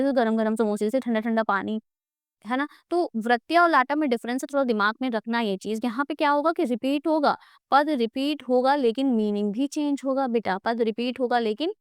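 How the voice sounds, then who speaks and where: Her voice sits high and clean, recorded close with no room sound, as she leads a grammar lesson for exam prep. Calling her students "beta," she encourages them and answers questions she's just asked herself.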